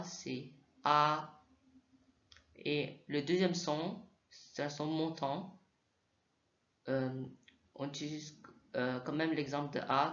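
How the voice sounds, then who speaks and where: A man teaching Mandarin sounds in a slow spoken lesson, hesitating often and repeating each sound aloud for practice. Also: fairly high pitch, a bit bright. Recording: echoey room, slightly dull sound.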